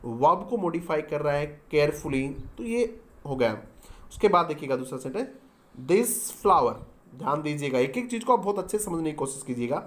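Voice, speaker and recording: A man teaching a grammar lesson, who keeps asking the class questions and answering them himself and slowly spells out example sentences. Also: on the high side, sing-song.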